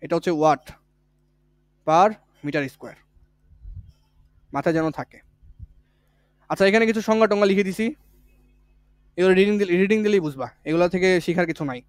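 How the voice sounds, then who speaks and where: Male physics tutor, high-pitched, dry close sound, drills key points by repetition. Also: fast talker, long pauses, clear, resonant tone, dry recording. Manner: explains step by step, repeating key points; colloquial, with village words. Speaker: physics teacher. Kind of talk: online exam-prep lesson.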